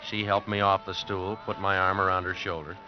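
An actor with a low, flat, brisk voice plays a hard-luck American drifter, telling his tale in a terse, brooding 1940s noir radio style with light acting. Dramatic music plays behind him, and the recording sounds like dull vintage radio.

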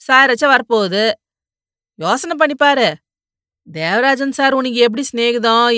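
A woman doing a warm, talkative grown man and father from an audiobook, speaking up in a raised, earnest voice. He sits a little higher than a man's usual pitch, with a close, dry sound. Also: dry recording. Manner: earnest, coaxing, raises voice at children.

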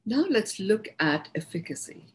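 A woman with an Indian accent hosting a podcast, talking through ideas in an unhurried, reflective way and often restarting words as she finds her phrasing. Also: medium pitch, big pitch swings, slight background noise, poor audio. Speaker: podcast host and speaker on personal growth. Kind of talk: reflective spoken teaching.

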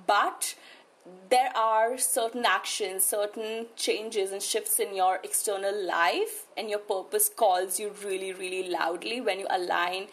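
A woman from India with an urban New Delhi accent, reflecting on her own life in an interview, earnest and emphatic, often repeating words for emphasis. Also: mid-range voice. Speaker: interview guest, spiritual coach. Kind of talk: conversational interview, personal reflection.

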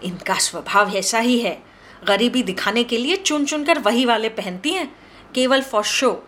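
Bossy, sharp-tongued housewife, high and scolding, played by a woman storyteller. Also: measured pace, slight background noise. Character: bossy middle-aged mistress of a house.

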